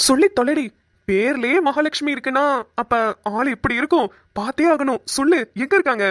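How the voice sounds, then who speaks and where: A silly young cartoon husband who rambles and gets muddled , played by a woman. He talks in a slightly high, eager voice and gets excited easily. The sound is dry and close. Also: fairly quick, dry recording, natural voice. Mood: comic. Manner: excitable, rambling comic delivery. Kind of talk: cartoon voice acting.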